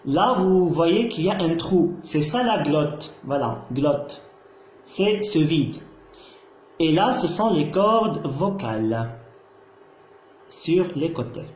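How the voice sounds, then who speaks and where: A teacher gives a slow, patient explanatory lecture, repeating key terms and checking that students are following. His voice is fairly high, animated and darkish in tone, and the room is echoey.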